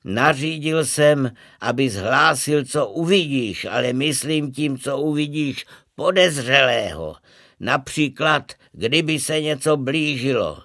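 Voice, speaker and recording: Gruff bossy soldier barking orders as a man puts him on, storybook reading, dry close sound. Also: medium pitch, bright, forceful tone, dry recording. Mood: stern.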